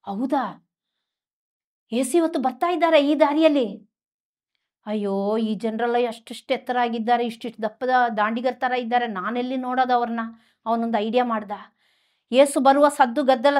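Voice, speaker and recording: A woman preacher, a religious sister, telling a story in a fervent, repetitive sermon and speaking directly to her listeners. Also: sits high.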